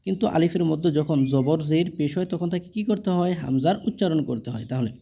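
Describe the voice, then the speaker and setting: A man with a Bangladeshi Bengali accent teaches Quran reading in a spelled-out drill of Arabic letters and vowel marks. His voice is fairly high, quick and mellow with some vocal fry, and he works patiently, asking questions to make sure students understand.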